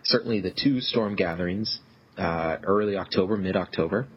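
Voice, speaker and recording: A man's voice: low voice, moderate pace, slightly rough, highs cut off. A man from Canada chatting as a podcast guest, easygoing and wry. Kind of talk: casual podcast chat.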